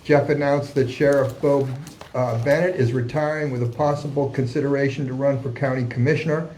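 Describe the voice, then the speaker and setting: Mellow-voiced man reading minutes, noisy recording. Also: mid-range voice, fairly even intonation, fairly quick. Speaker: vice secretary. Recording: meeting room with clear background noise.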